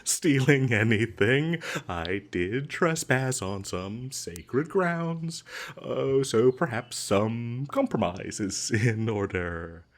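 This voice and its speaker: A voice actor plays a nervous, smooth-talking captured adventurer in a comedic fantasy audio roleplay, stammering and hesitating as he tries to ingratiate himself. His voice is on the low side and heavily acted, sounding alarmed and placating.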